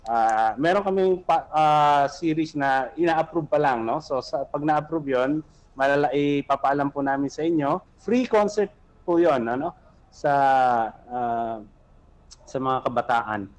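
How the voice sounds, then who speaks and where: A man's voice: on the high side, unhurried. Male conductor guest, courteous, mixes in English, casual radio interview, studio mic. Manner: polite, mixes English into his talk, hesitant with fillers.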